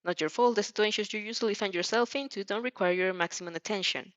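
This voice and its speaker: An adult woman with a mid-range, fairly bright voice reads fan fiction fast and expressively, stumbling over words, restarting, and giggling as she reacts casually. She reads and dubs fan fiction, and the dull-sounding audio has no room sound.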